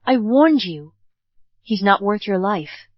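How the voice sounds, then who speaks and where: Protective mother, lively in tone. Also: medium pitch, takes it slowly, dry recording. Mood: earnest. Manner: earnest, advising. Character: calm, protective wealthy mother. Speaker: bride's mother. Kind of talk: English drama dub. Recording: dull dry studio dub.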